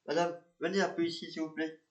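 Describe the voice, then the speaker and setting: Playing a police officer while also narrating, this man speaks fairly quickly in a fairly high voice with little pitch movement. His delivery in the amateur patrol reenactment is halting, full of fillers and repetitions, and the space around him echoes.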